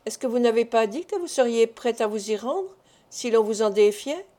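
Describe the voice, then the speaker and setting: A woman's voice: a little high, expressive, moderate pace, mellow, close to an everyday voice. A woman voicing a firm, insistent older male village headman in a storybook reading. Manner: insistent, categorical.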